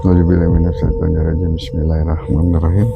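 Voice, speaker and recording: A man presenting a night paranormal vlog in short, halting phrases addressed to viewers. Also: low voice, completely flat delivery, vocal fry. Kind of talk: night ghost-hunt vlog commentary. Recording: dull lo-fi audio, loud eerie music. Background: loud music with singing-bowl tones.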